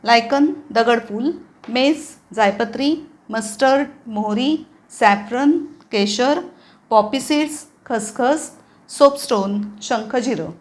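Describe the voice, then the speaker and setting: A woman teaching English words to learners, saying each one several times in a patient, steady way. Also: fairly high pitch. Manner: patient, repeats each word slowly for learners. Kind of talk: vocabulary lesson with repetition drills.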